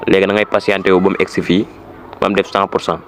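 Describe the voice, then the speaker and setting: A man with a Senegalese accent speaks fast in a low, level voice while giving a casual step-by-step app tutorial. He repeats instructions and mixes French words into his explanation, with a little hiss or hum in the background.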